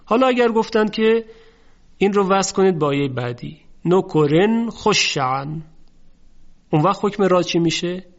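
A man gives a step-by-step lesson on reciting the Quran. He poses questions and answers them himself, slowing down whenever he recites a verse. His voice sits a little high, and the recording sounds dull and lo-fi. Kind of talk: tajweed lesson, explaining and reciting.

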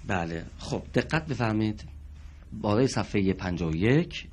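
A man teaching Quran reading to a class, explaining letters and marks and slowly sounding out example words. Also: lowish voice, very animated, a little mellow, breathy edge. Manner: slow, stretched-out demonstration of words. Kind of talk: classroom lesson.

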